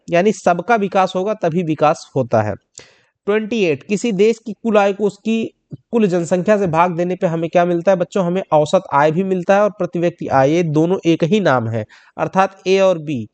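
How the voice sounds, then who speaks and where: High-voiced male teacher going through exam questions. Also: a little mellow. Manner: addresses students directly, repeats answers.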